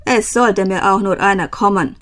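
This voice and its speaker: A woman voicing a grumpy, bearded male broom-maker in a storybook reading, gruff and grumbling. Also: medium pitch, fairly even intonation, moderate pace, close to an everyday voice.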